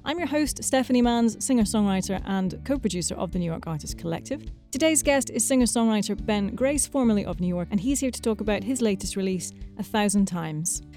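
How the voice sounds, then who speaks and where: A woman's voice: medium pitch, expressive, brisk, hardly any pauses, dark tone, soft background music. A Scottish woman hosting a podcast interview, chatty and given to playful asides. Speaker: podcast host. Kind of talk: casual interview chat.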